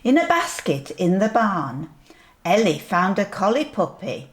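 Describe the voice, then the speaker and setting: A sweet grandmotherly older woman reading a picture book aloud to young children, gently pointing things out as she goes. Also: medium pitch, sing-song. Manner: slow, deliberate storytelling with asides.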